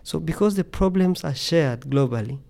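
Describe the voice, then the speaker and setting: A man's voice: on the high side, expressive, moderate pace, creaky, warm tone. A middle-aged man from Tanzania, a scientist guest speaking earnestly in a podcast interview, often repeating words as he thinks.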